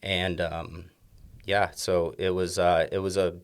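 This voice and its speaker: Deep-voiced man telling stories. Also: level tone, slow, smooth. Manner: rambling storyteller with many restarts and fillers. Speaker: chef and restaurant owner. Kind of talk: casual podcast interview.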